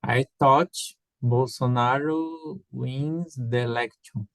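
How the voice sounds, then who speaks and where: A beginner English student with a Brazilian Portuguese accent, speaking haltingly and repeating words. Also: mid-range voice, no echo.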